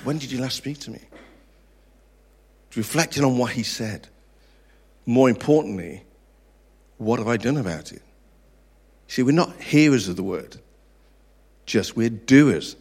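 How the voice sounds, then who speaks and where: A man in his thirties delivers a sermon in a mid-pitched voice. He speaks earnestly and slows down to stress the important words. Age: 30s. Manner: earnest, drawn-out emphasis on key words. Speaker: pastor.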